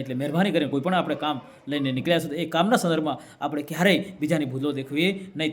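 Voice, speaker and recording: A man giving a motivational speech to a community gathering, telling a folk parable and often checking with the crowd. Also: fairly high pitch. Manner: storytelling, keeps asking the crowd "right?". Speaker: community speaker.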